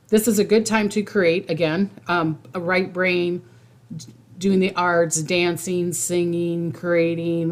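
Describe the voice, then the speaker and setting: Casual, rambling woman with lowish voice. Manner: informal, rambling, repeats phrases for emphasis. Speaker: psychic host giving monthly predictions. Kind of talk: casual livestream talk to viewers.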